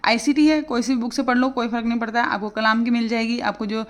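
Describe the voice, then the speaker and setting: Woman tutor, fairly high voice, rapid chatty delivery. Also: steady tone. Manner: chatty, explains casually with many fillers. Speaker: exam prep tutor. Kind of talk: casual study advice for exam aspirants.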